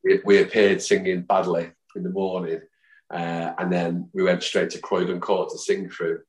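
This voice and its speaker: A man's voice: low voice, flat delivery, normal speed. A man, a guest telling long, rambling stories in a podcast chat and acting out the people he quotes. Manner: rambling, chatty storyteller who acts out quotes. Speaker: guest, fan songwriter. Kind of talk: anecdotal storytelling in a podcast chat. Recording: roomy echo.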